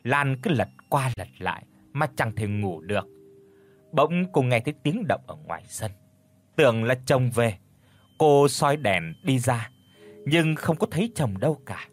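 A man telling a scripted horror story in a dramatic, expressive way. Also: medium pitch, measured pace.

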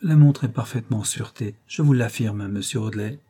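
A man's voice: fairly low pitch, fairly quick, warm tone, breathy edge. A man voicing a whining, self-pitying old grandfather in an audiobook, complaining and ingratiating.

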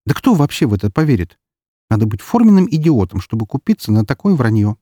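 A man reading an audiobook and voicing a sharp, dismissive young woman who teases and gets defensive. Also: medium pitch, very animated, quick pace, dry recording, studio quality. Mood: scoffing. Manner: scoffing, sharp and a bit defensive. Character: young woman, quick-tongued, dismissive, teasing. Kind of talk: audiobook character voice.

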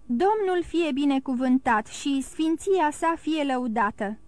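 A woman voicing a solemn male leader of a religious brotherhood, proclaiming clearly. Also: high-pitched, lively intonation, darkish tone, dry recording.

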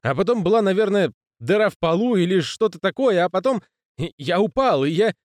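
A man's voice: high voice, expressive, brisk, no room sound, clean studio sound, pitched above the performer's own voice. A male reader voicing a jittery young conman who talks in a raised, flustered, protesting way. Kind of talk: audiobook character reading.

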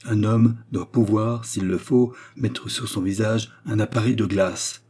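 Guy doing a cool scheming lady, calm and measured, husky low voice, audiobook. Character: calm scheming woman, smiling and unshaken.

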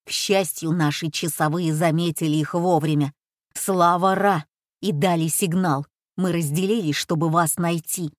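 A woman voicing Van, a tense, commanding man, with a low, hushed, urgent voice in an audiobook. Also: fairly even intonation, normal speed, no echo, studio quality, close to an everyday voice. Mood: steady firm. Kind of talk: audiobook character voice.

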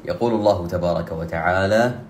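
A man teaching Quran recitation rules, explaining steadily and slowing down for drawn-out recited examples. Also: low voice, roomy sound, slight background noise. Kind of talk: tajweed lesson with slow demonstrations.

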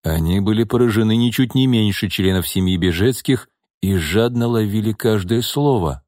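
A man narrating a dramatic audiobook in an expressive manner. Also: fairly low pitch, moderate pace, no echo, studio quality.

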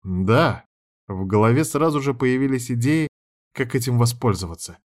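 A man narrates an audiobook in the first person. His reading is steady and measured, in a medium-pitched voice.

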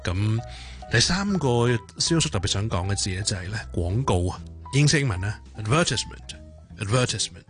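A man with a Hong Kong Cantonese accent hosts a snappy radio language tip. His voice sits fairly low, and he sounds theatrical as he repeats each example word to show it off. Clear music plays behind him. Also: sing-song, brisk, a bit bright. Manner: theatrical, demonstrates words by repeating them. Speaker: English pronunciation segment presenter. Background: background music.

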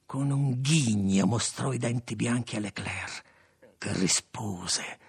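Gravelly man reading a story dramatically. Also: medium pitch, measured pace, a little mellow. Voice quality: gravelly, husky. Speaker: audiobook reader. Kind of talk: scripted literary narration.

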